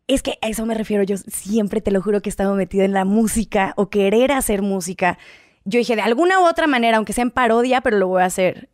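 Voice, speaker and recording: A woman's voice: medium pitch, a little mellow, dry recording, studio quality. A young woman with a Mexican accent, chatting casually as a guest, slangy and playful. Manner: slangy, playful, laughs often. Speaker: guest youtuber. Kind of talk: casual chat.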